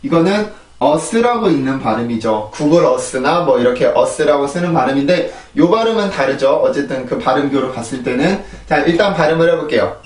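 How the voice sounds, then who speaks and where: Man, pronunciation teacher, patient lesson, slightly high voice, roomy echo. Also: recorded from a distance. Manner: patient, demonstrates sounds by repeating them. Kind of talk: explanatory video lesson.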